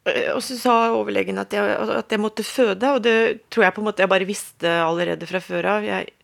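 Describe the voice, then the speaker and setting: A woman's voice: mid-range voice, steady tone, creaky, a bit bright. A woman telling her own story in a radio documentary, hesitant and full of fillers and restarts. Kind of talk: personal recollection in a radio documentary.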